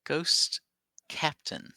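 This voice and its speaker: A man's voice: very slow, sharp tone, slight background noise. A man narrating a tabletop game as its game master.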